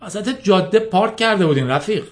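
A man's voice: fairly high pitch, sing-song, fairly bright tone, voice pushed up. A man voicing a fat middle-aged male driver who blusters and then pleads, in a storybook reading. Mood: pleading.

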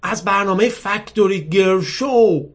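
Man putting on a high confident young woman. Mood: persuasive.

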